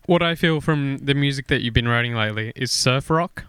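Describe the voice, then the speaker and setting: A man's voice: mid-range voice, brisk, fairly bright tone, clean tone, no echo, studio quality. A young Australian man co-hosting a podcast in casual chat, playful and laughing often. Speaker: podcast co-host. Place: studio.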